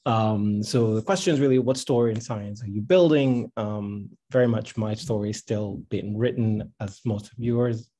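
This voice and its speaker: A middle-aged Tanzanian man who founded a science advocacy institute gives an informal workshop talk with slides over a video call from an indoor room lined with bookshelves. His voice is dark, mellow, and husky, on the low side, at normal speed with few pauses. Conversational and encouraging, he doubles back on phrases to press them home.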